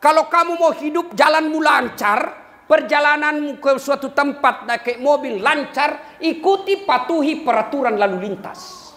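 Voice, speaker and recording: A man preaching a humorous sermon to a live audience, swinging between loud and low and breaking into song for laughs. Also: a little slow. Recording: echoey live hall with faint noise.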